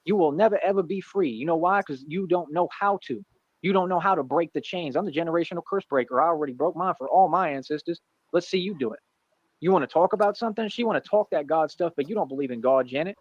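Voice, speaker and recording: Brief: man, 30s, rapid boastful trash talker, slightly high voice, dry close sound. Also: no echo, muffled recording. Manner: brash, repetitive, taunting. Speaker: streamer in a played clip.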